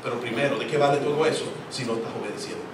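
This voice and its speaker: A man's voice: mid-range voice, very fast, background noise. A man preaching a sermon in church, emphatic and repetitive, with call-and-response questions. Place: church sanctuary. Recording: echoey church hall, distant mic, congregation.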